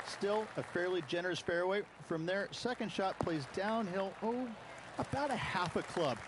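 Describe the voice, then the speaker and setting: A man playing an easygoing golf color analyst who breaks down the hole in a casual, folksy way. His voice sits a little high, over a murmuring crowd and steady outdoor noise. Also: lightly acted. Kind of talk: relaxed course analysis.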